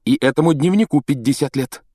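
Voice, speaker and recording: Man doing a thoughtful schoolboy, earnest, puzzled, near the reader's own middle pitch, dry storybook reading. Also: fairly quick, dark tone, slightly rough, no echo, close to an everyday voice.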